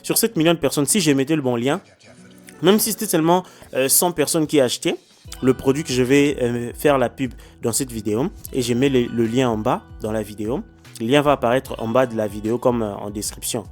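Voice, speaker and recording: Indoors in China, a YouTuber walks viewers through social media monetization in a relaxed vlog with a screen demo, hesitating, restarting and repeating "ok?" to his audience. A non-native English speaker, he trips on some words. His medium-pitched, darkish voice is fairly quick, with faint music behind.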